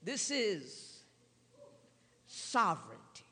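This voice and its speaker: A man preaching a sermon, building from slow, quiet telling to drawn-out shouted emphasis. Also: sits high, huge pitch swings, breathy edge. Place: large church hall. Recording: long reverb in a large hall.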